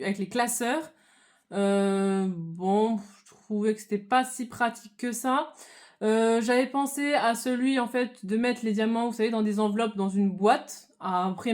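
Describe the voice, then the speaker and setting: Lady rambling about her hobbies, slightly high voice, lots of euh and restarts. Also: a little mellow. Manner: hesitant, many fillers and restarts. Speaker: crafts vlogger. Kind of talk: casual hobby chat to viewers.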